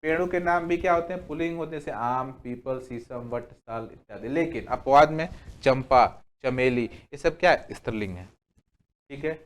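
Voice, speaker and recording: Man, grammar teacher, medium voice, asks questions then answers them, slow word-by-word lists, exam-prep lesson. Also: medium pitch. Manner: asks the class questions and answers them himself, repeats "ठीक है" often; lists examples slowly, word by word.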